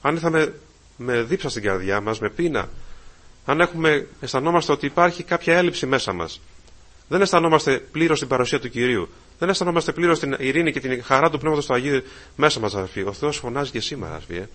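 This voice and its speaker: A man preaching a sermon to his congregation, calling them brothers again and again and swelling louder on key phrases. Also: medium pitch, expressive.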